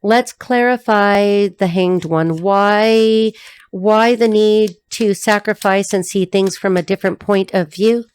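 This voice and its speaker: A woman's voice: mid-range voice, slow pace, a little mellow, smooth, no echo. A middle-aged woman giving a casual, rambling tarot reading to camera, laughing often as she talks. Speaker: tarot reader.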